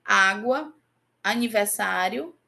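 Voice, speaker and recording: A woman's voice: medium pitch, gravelly, pushed and bright. A woman teaching a Portuguese grammar class online, going over exam answers and often checking in with her students. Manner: repeats example words slowly.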